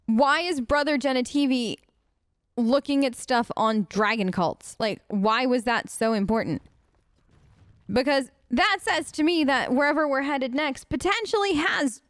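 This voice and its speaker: A woman's high-pitched, animated voice comes through cleanly with no echo as she provides role-play gaming commentary at a measured pace. A let's player voicing her character, she reads text aloud and muses conversationally.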